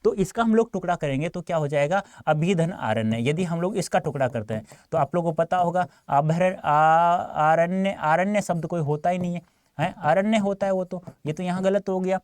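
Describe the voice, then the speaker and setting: Guy teaching an exam prep class online, explains step by step, kinda high voice, dry close sound. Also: normal speed, a little mellow, no echo. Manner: explains step by step, asks and answers his own questions; addresses students fondly as dear children.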